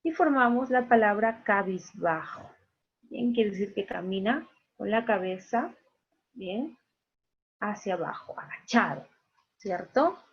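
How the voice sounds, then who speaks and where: A woman teacher giving an online class, speaking slowly, repeating key phrases and checking in with her students. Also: mid-range voice, animated, breathy edge. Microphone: video call. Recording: dull lo-fi video call audio.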